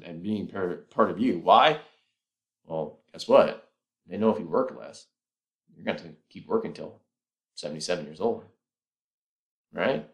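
A man hosting a podcast alone, talking earnestly and persuasively as he walks through numbers step by step. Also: sits low. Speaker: podcast host. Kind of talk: casual solo podcast talk.

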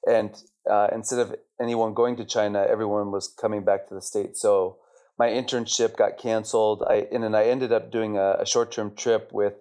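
A man in his thirties from Chile talks as an interview guest with a smooth, resonant voice. He pitches low and speaks in a relaxed way, full of fillers. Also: normal speed. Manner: relaxed, many fillers like um and you know. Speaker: school director, guest. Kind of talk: podcast interview.

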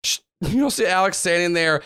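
A man working as game master, improvising narration in a halting, repetitive way. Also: high-pitched, animated, bright, forceful tone, smooth. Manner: halting, repeats himself, says "like" often.

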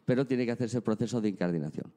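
Spanish-accented priest, low mellow voice. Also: male voice, rapid-fire. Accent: Spanish, from León. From Spain. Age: 40s. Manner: explanatory, matter-of-fact. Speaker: diocesan priest, guest. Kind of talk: casual interview.

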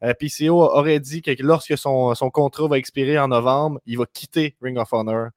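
Québécois man running a fast news rundown. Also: medium pitch, steady tone, no room sound, clean studio sound. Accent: Québécois French. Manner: quick news rundown, lists words rapidly. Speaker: podcast host. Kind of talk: casual podcast chat.

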